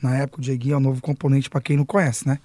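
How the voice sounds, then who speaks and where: A band member talking casually, halting as he searches his memory. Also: medium pitch, little pitch movement, warm tone, no echo. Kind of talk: casual interview talk.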